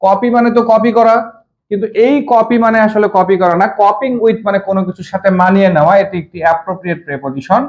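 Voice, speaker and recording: A man's voice: high-pitched, fast talker, muffled recording. A man from Bangladesh teaching an English lesson in Bengali, explaining the text word by word, repeating meanings and asking his students questions.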